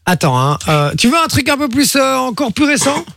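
A man hosting a radio show, joking fast and teasing his co-hosts during a music quiz in a studio. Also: very high voice, very animated, gravelly, pushed and bright, no echo. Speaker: radio host. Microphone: studio microphone. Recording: radio broadcast with music behind. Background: music playing.

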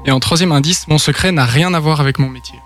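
A man appearing as a guest on a radio show, his voice sitting a little high. He reads out three clues slowly and evenly, spacing each one out for the listeners. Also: a bit bright, faint music behind. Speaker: studio guest.

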